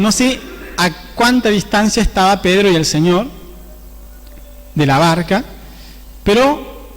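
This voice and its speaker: High-voiced preacher in a reverberant church. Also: male voice. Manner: conversational preaching, often tagging phrases with a questioning "¿sí?". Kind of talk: sermon.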